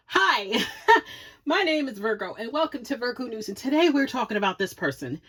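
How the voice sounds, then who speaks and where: A woman's voice: fairly high pitch, big pitch swings, fairly quick, a bit bright, slightly rough. A woman hosting a casual video intro, playful, giggly and offhand. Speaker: host.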